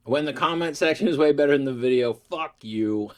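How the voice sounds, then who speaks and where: A middle-aged man hosting a comedy video, talking casually and profanely and laughing a lot. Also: fairly high pitch. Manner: animated, profane, laughing often. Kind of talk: casual reaction commentary.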